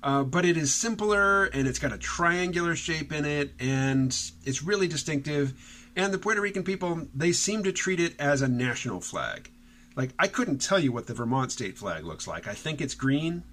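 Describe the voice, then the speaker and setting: A man from the Southern United States talks casually in a solo vlog, rambling and chuckling as he reads out viewer comments. His voice is fairly high, sing-song, and a bit bright, at a moderate pace. He uses many fillers and restarts.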